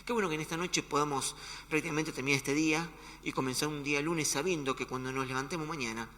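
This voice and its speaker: A man from Argentina with a Rioplatense Spanish accent preaching a sermon as pastor, acting out quoted dialogue with hushed asides. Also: fast. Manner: animated, acts out quoted dialogue with shifting pitch and hushed asides. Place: church hall. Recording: echoey church hall.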